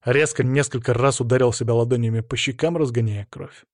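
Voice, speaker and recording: A man narrating a story in the first person in a steady, measured way. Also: mid-range voice, no echo, studio quality.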